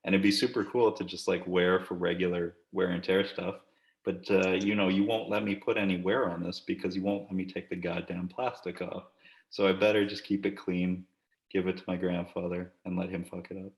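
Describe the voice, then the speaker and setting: A man's voice: low voice, little pitch movement, fairly quick, reverberant, poor audio. A man co-hosting a casual podcast chat, rambling and joking, with casual swearing. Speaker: podcast co-host. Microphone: desk camera.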